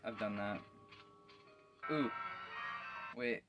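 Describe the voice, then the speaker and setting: A man's voice: on the low side, extremely slow, loud music behind the voice. A tired man giving casual reaction commentary, yawning and musing loosely as he watches. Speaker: video reactor.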